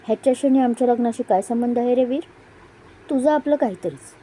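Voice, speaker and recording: A woman voicing an irritable, quick-tempered young husband in an audio story, using her own voice. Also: fairly high pitch, slight background noise, pitched above the performer's own voice, natural voice, low-quality recording. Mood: irritated. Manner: irritated, sharp.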